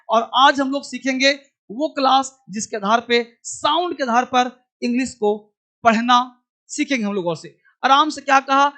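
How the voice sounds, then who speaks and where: A man's voice: very high-pitched, pushed and bright. A man teaching an online English pronunciation class, repeating each point and quizzing his students affectionately. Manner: repetitive, drilling and quizzing students; affectionate, calls students child.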